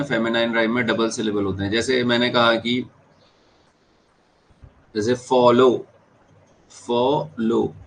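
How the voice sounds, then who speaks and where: A man's voice: mid-range voice, creaky, fairly bright tone, a little hiss or hum, low-quality recording. A man with an Indian accent teaching an exam-prep class, switching between Hindi and English, repeating key terms and checking whether students follow. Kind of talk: classroom lecture.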